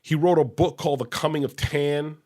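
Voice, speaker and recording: A man's voice: a little high, steady tone, moderate pace, warm tone. A man co-hosting a casual chat show, telling loose, profane stories and laughing along the way. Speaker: podcast co-host.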